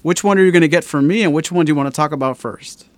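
A man's voice: on the high side, no room sound. Dry-sounding man steering a podcast chat. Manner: brisk, steers the conversation with questions. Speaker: podcast co-host.

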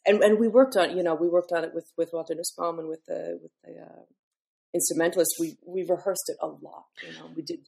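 A woman's voice: on the low side, fairly even intonation, fairly quick, creaky, darkish tone. A woman who is a classical singer, speaking as a guest in a podcast interview and explaining her work in a thoughtful way with many fillers.

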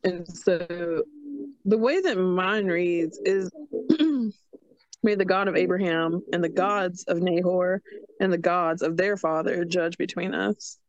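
A woman's voice: fairly low pitch, slow, dry recording, muffled recording. A woman in casual Bible study talk, chatty and laughing often as she retells scripture. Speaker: study group member.

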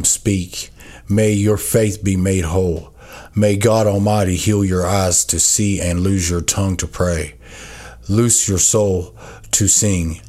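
A man reads a devotional and prays in a solemn, measured way. His voice is very deep. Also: dark tone. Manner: solemn, measured, rhetorical questions. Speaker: co-host of a recovery devotional show. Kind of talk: reading devotional text and prayer.

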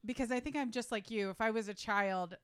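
A woman co-hosting a casual movie podcast, chatty and animated, swearing now and then, with the hiccups. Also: a little high, brisk, smooth, no room sound, clean studio sound. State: has the hiccups. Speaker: podcast co-host.

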